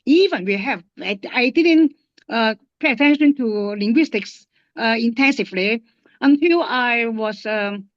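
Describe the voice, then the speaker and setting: A woman from Hong Kong with a Hong Kong English accent, a guest linguist in a casual interview, speaking haltingly with many fillers and restarts. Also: on the high side, no echo, highs cut off.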